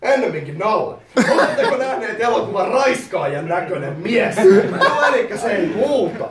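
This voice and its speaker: A man with a very high, lively voice shouts and curses his way through a comedy roast. He is recorded from far off in an echoey hall. A loud, laughing crowd fills the background. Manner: shouting and cursing insults. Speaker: roaster at a conscript gala.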